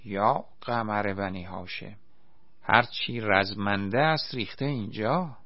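A man voicing a clumsy, dramatic young volunteer who drags out his words slowly. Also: fairly low pitch, no room sound, highs cut off, lightly acted. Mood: wry. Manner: slow, drawn-out exclamations.

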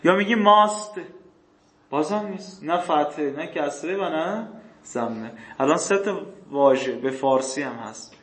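Higher-voiced man lecturing in an echoey room. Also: fairly bright tone. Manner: asks questions and answers them himself; clears his throat often. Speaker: teacher. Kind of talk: classroom lecture on grammar texts.

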